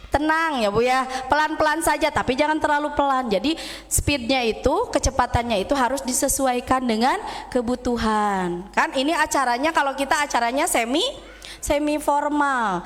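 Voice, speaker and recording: Sundanese-accented woman speaking coach, bright high voice, teasing and lively in a reverberant hall. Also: moderate pace. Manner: lively, playful, leads vowel drills and jokes with the audience. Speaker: public speaking trainer. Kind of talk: teaching a women's study group.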